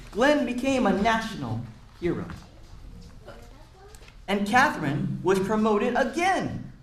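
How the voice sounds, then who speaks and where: In a spacious room full of children, a male storyteller with a high-pitched, fairly bright voice reads from a picture book. He cheers the kids on and chats in asides, defining words and posing questions, while the sound echoes around him.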